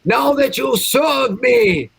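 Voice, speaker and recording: A man voicing an imperious young dragon king in a tabletop game, proclaiming pompously and slowly. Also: very high voice, huge pitch swings, vocal fry, pitched above the performer's own voice, heavily acted. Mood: commanding. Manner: pompous, loud, drawn-out proclaiming. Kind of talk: tabletop game role-play.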